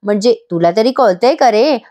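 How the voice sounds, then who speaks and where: A woman voicing a gentle, loving young bride in a voice-over episode recap, speaking softly and affectionately. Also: on the high side, expressive, normal speed, close to an everyday voice. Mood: tender. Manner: soft, affectionate, pleading. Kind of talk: voice-over recap reading a character's lines.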